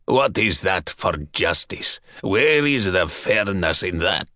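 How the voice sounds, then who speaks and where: Man doing an ancient vampire, very low voice, drawn-out, sighing, coaxing, sly, dry close recording. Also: lively intonation, pushed and bright, no room sound, full character voice. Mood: weary reproach. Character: ancient buried male vampire, sly and weary. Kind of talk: audiobook character voice.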